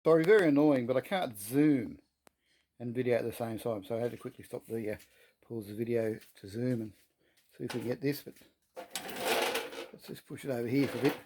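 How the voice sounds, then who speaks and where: In his workshop shed, a man chats casually with viewers while he works, giving a folksy, self-deprecating video update. His mid-pitched voice is mellow and fairly quick, with frequent pauses and a little hiss or hum.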